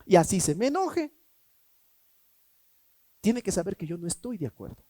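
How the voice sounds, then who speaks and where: A man preaching a sermon as pastor, emphatic, swinging between loud and hushed, asking rhetorical questions. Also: sits high, big pitch swings, moderate pace, no room sound. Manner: acts out quoted voices in a mocking tone.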